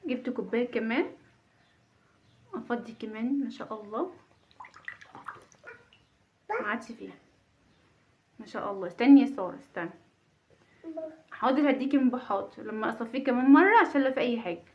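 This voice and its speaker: Fast-talking Egyptian mom vlogging at home. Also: female voice, fairly high pitch, a little hiss or hum. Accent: Egyptian Arabic. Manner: chatty, self-mocking, nervous laughter. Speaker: vlogger, mother. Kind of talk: casual home vlog. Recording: dull lo-fi home recording.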